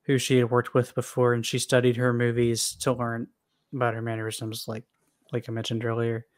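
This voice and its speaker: A man's voice: mid-range voice, monotone, fairly quick. A young man co-hosting a casual film review podcast, sharing trivia between fillers. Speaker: podcast co-host.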